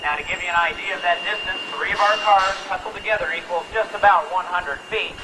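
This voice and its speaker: A man explaining the railroad grade as a tour guide on a moving train, heard on an old VHS home video tape. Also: quick pace. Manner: explanatory, steady. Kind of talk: tour commentary. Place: aboard a moving tourist train. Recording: noisy old camcorder tape with train rumble.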